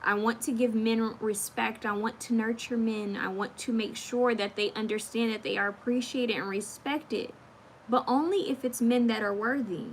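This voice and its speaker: A woman's voice: fairly high pitch, fairly even intonation, normal speed, a little hiss or hum. A woman in her thirties chatting casually on a livestream, reading viewer comments aloud and drawing oracle card messages, often restarting her sentences. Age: 30s.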